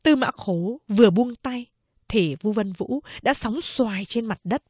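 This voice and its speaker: Slow, measured woman narrating a novel. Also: fairly high pitch, expressive, darkish tone, breathy edge, no room sound. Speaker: audiobook narrator.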